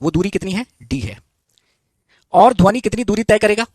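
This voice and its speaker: A male teacher with a fairly high voice gives a physics lesson to students. He asks the class a question, answers it himself, and repeats each key term slowly. The sound is close and dry, with no room echo. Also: animated. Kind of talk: live online physics lesson.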